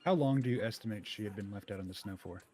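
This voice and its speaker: A man's voice: lowish voice, fast talker, warm tone, slight background noise, close to an everyday voice. A man playing a methodical trial lawyer who puts formal, probing questions in a courtroom role-play.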